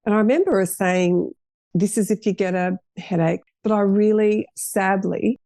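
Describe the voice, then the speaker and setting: A middle-aged woman who owns a cafe appears as a guest in a casual interview chat, telling her story earnestly and ramblingly with many restarts. Her voice is lowish and warm, recorded without echo.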